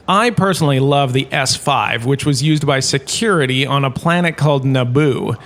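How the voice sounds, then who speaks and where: This medium-pitched man voices a washed-up star turned quirky, enthusiastic lecturer for a scripted comedy audio drama. His delivery is chatty and packed with showy asides, and the mood is genial and showy.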